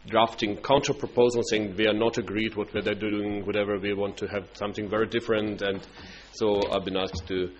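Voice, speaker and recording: A man speaking at a conference, halting, with many fillers and restarts. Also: fairly low pitch, level tone. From Russia. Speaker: party international coordinator. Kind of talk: conference speech. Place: conference hall. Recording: dull conference-room recording with faint hum.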